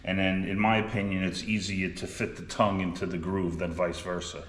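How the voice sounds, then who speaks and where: Low-voiced man teaching shop, echoey room. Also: little pitch movement, a little fast, fairly bright tone. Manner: plainspoken, practical explaining like a shop class teacher. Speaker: woodworker demonstrating cabinet making. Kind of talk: hands-on shop demonstration. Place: indoor woodworking shop. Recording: echoey workshop, clear background noise.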